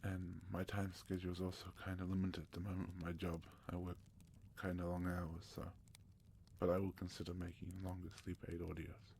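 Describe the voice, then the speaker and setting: A man from South Africa hosting a soft-spoken ASMR question-and-answer session, gentle and sometimes slipping into a whisper. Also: deep voice, monotone, a little fast, gravelly, slight background noise. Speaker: ASMR channel host.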